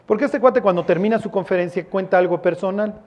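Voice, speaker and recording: A man's voice: high-pitched, fast, a little mellow. A man with a Mexican accent preaching a sermon as a pastor, in a casual, joking, storytelling way with slang.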